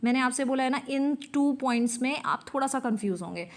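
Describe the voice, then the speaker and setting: Woman, teacher, slightly high voice, letter-by-letter spelling, repetitive and deliberate. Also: expressive. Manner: repeats key words and checks understanding. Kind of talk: spelling lesson, mixing English terms into Hindi.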